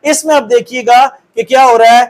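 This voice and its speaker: A man whose voice is extremely high, with fairly even intonation, guides students through Quran recitation one step at a time. He slowly elongates every syllable in his demonstrations and patiently makes sure they're following.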